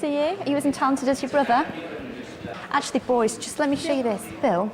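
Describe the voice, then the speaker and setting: A woman with a fairly high voice, playing a pretend auction owner and gushing theatrically over the art. A crowd chatters clearly around her. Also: brisk. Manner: theatrical, gushing sales talk. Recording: noisy room with crowd chatter.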